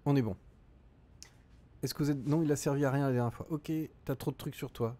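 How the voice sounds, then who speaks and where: A man's voice: mid-range voice, steady tone, a little fast, mellow. Chatty French-speaking man streaming a game. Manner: chatty, thinks aloud with frequent hesitations. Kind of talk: live gameplay commentary reading chat.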